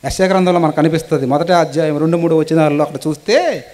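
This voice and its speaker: A man preaching a sermon, politely asking his listeners question after question and swinging between raised and hushed delivery. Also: fairly high pitch, fast. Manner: polite, asks the listeners many rhetorical questions.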